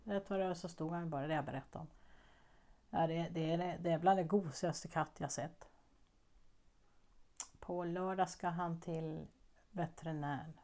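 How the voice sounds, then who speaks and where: A woman with a slightly low voice chats casually to her viewers in an informal vlog. She rambles and thinks out loud, breaking into soft laughs between her thoughts. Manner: chatty, rambling, musing aloud with soft laughs. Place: living abroad in a warm place.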